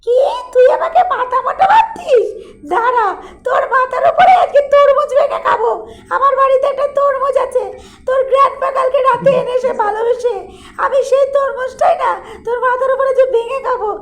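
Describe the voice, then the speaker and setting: A woman voicing a cranky, threatening old granny with a cracked, broken voice, shouting and half-crying her lines in a comic horror game. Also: very high-pitched, fairly quick, pitched above the performer's own voice. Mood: gloating threat.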